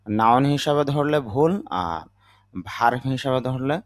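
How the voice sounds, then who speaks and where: A Bengali-speaking man teaches English vocabulary, patiently repeating each word along with its meaning. His medium-pitched voice is expressive and unhurried, and there is no echo.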